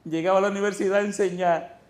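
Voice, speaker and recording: A man's voice: high-pitched, quick pace. Man preaching a story-filled sermon. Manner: lively storytelling, addressing the congregation with questions. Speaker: pastor. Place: church.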